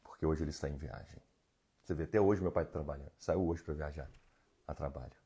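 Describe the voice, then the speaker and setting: A man's voice: very deep voice, fast talker, warm tone, breathy edge. A man. He is an emotional healing therapist who talks earnestly and directly to viewers on a live stream from his home. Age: 40s. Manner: earnest, coaching, talks straight to the audience and reads their comments.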